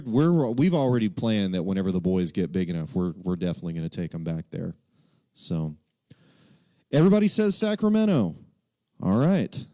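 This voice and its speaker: A man's voice: low voice, a little mellow, no echo, studio quality. A man from Texas, casually hosting a live quiz and thinking aloud as he reads out the answer options. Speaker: livestream quiz host.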